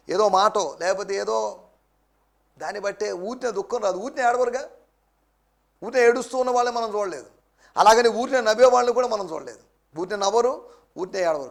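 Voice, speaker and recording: A male pastor preaching a sermon emphatically, repeating key lines slowly in English. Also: high voice, creaky.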